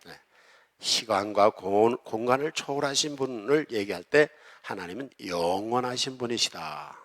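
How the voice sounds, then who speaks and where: A man preaching a sermon as pastor, emphatic and rising and falling in loudness as he draws replies from the congregation. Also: fairly low pitch, lively intonation, moderate pace. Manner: emphatic preaching that rises and falls in loudness, coaxing the congregation to respond. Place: church sanctuary. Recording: long hall reverb in a church.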